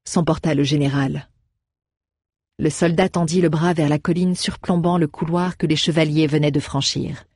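A man reading a fantasy novel aloud in steady, measured narration. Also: on the high side, no echo, studio quality. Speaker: audiobook narrator. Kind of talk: audiobook narration.

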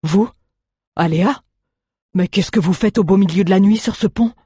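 A storyteller voicing an anxious, excitable adult townsman who exclaims in alarm. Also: mid-range voice, normal speed, breathy edge, no echo, studio quality, pitched above the performer's own voice. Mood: agitated. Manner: agitated, exclaiming.

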